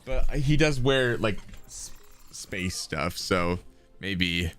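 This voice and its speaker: A man streaming a video game, chatting casually with his viewers in an excitable, rambling way full of asides. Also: low-pitched, takes it slowly, clear, resonant tone, faint music behind. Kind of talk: casual gameplay chat with viewers.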